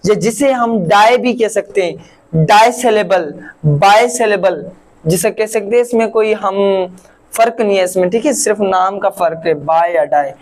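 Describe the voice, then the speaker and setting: A man from Pakistan teaching a language lesson, patiently repeating each word slowly syllable by syllable. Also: high-pitched, low-quality recording. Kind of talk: classroom-style language lesson.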